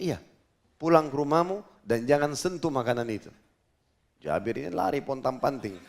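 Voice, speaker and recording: A male preacher giving a religious lecture, retelling a story lively with voiced quotes. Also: medium pitch.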